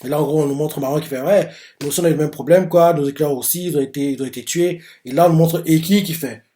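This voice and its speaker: A man's voice: on the high side, fast, dark tone. A man casually recapping a manga chapter, rambling and leaning heavily on filler words. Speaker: manga reviewer.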